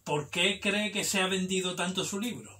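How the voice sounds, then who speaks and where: A man's voice: high-pitched, moderate pace, bright, forceful tone, far from the mic, slight background noise. A man interviewing a guest, asking polite, formal questions.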